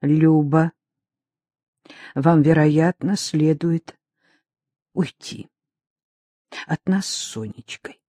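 Weary educated woman, frightened, cold and hushed, as the reader puts her on. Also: mid-range voice, slow, pauses often, slightly rough, no room sound, clean studio sound.

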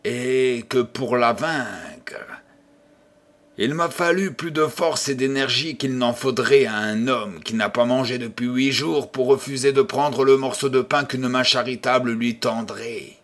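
A man reading an audiobook and voicing a tormented old gambler who swings from hushed whispers to furious outbursts. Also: mid-range voice, a little slow, close to an everyday voice. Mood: indignant. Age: older. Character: raving old male gambler haunted by the devil.

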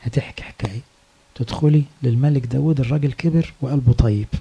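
A scheming but well-meaning commander with an Egyptian accent, briskly giving orders, as a man voices him. The voice is dark and husky. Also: mid-range voice. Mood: instructing. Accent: Egyptian Arabic.

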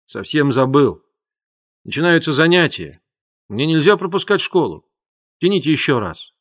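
A man voicing an eager, excited young boy in an audiobook reading. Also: a little high, normal speed, voice pushed up. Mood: hesitant. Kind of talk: audiobook character voice.

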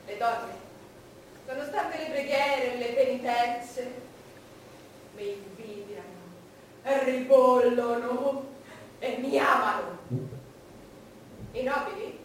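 Haughty high-voiced queen in echoing theatre. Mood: scornful, confiding. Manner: haughty, declamatory, deliberate dramatic pauses. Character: imperious, lustful, proud queen recalling her past. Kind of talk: theatrical stage monologue. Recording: echoey theatre, distant noisy mic.

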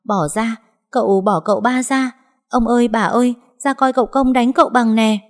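A woman voicing a young servant girl who shouts and chatters shrilly. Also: fairly high pitch, steady tone, moderate pace, pitched above the performer's own voice, close to an everyday voice. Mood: alarmed shouting.

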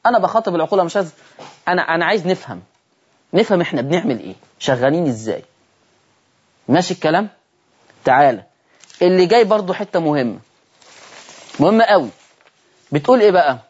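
A man with an Egyptian accent teaching Quran recitation on a televised lesson, animated and often asking his listeners rhetorical questions. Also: high voice, fast, long pauses, husky, lo-fi sound. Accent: Egyptian Arabic.

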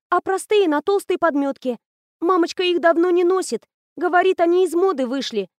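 A woman plays a sly teenage girl pretending to be sweet and innocent, her voice high, wheedling, and falsely timid. The recording is studio quality with no echo.

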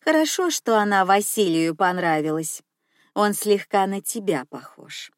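A woman voicing a scheming, manipulative old grandmother who speaks slowly in a cooing, sugary tone. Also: medium pitch, lively intonation, dry recording, studio quality, close to an everyday voice. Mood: confiding.

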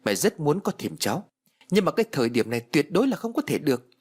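A man voicing a harsh, domineering old mother-in-law who scolds and shouts in an audiobook. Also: mid-range voice, very animated, fast talker, breathy edge. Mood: furious scolding. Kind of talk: audiobook character voice.

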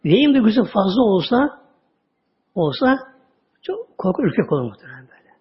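Lively high-pitched man giving a religious talk. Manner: lively storytelling, drawn-out words, sudden drops to a low voice. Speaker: religious teacher. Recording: dull lo-fi audio recording.

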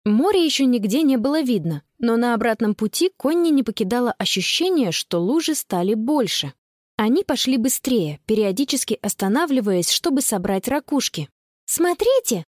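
Lively woman narrating a children's story. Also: on the high side, moderate pace, no echo, studio quality. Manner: lively expressive reading with voiced characters.

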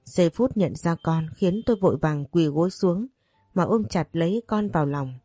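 Woman narrator, audiobook, low voice, mellow, dry close sound, soft music beneath. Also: animated, moderate pace, slightly rough, no echo. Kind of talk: first-person audiobook narration.

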